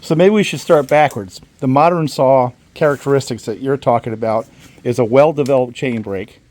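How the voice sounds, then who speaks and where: Man in casual banter, medium pitch. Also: normal speed, darkish tone. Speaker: fellow chainsaw hobbyist and co-host.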